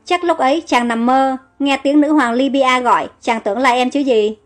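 A woman's voice: sits high, faint music behind, natural voice. A woman voicing a playful young queen. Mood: teasing. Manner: teasing, bright and quick.

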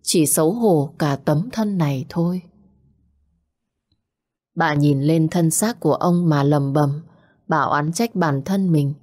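Low-voiced woman narrating a somber story. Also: slow pace, pauses often, a little mellow. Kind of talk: scripted narration of an audio story.

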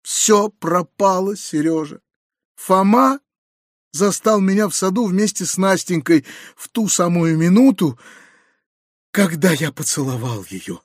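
A man reading an audiobook, voicing an anxious, kindly middle-aged uncle who confides in hushed, lowered tones with hurried outbursts. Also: lively intonation, dry recording, studio quality. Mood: confiding, distraught.

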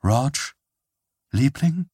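A man's voice: mid-range voice, expressive, extremely slow, mellow, husky, no echo, studio quality, pitched above the performer's own voice, heavily acted. A man voicing a frightened middle-aged wife who asks anxious, pleading questions.

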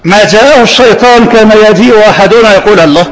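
An Egyptian-accented man with a high, expressive voice preaches a religious sermon at a moderate pace. He speaks with passion, repeating himself and posing rhetorical questions, and the recording carries a long hall reverb.

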